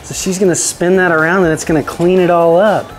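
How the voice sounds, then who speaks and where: A man hosting a kids' show on a bakery tour, excitable and talking straight to the viewers. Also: sits high, a little fast, soft background music. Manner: excitable, exclaims often, talks straight to the viewers. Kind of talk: upbeat presenting to kids. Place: indoor bakery and commercial kitchen.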